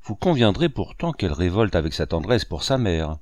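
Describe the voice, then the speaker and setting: A man reading an audiobook, voicing a kindly, good-humored painter and uncle who speaks warmly and teases gently. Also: deep voice, sing-song, normal speed, dry recording, clean studio sound. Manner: warm, gently teasing.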